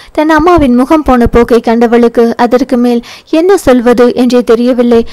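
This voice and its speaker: A woman reading a romance audio novel aloud in a measured, even storytelling manner. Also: a little high, rough recording. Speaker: audiobook narrator. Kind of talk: scripted novel narration.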